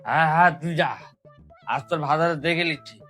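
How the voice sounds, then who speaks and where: A man's voice: fairly high pitch, fairly even intonation, fast, pushed and bright. Comedy skit: male actor as pushy, cursing town drunk, scheming and rambling, music behind. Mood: belligerent. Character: brash, scheming village town drunk begging booze money. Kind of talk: broad comedy skit acting.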